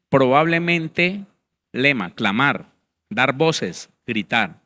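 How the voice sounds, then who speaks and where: Forceful bright-voiced man teaching Bible. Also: mid-range voice. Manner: addresses listeners directly, emphatic and repetitive; reads word definitions aloud. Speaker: pastor.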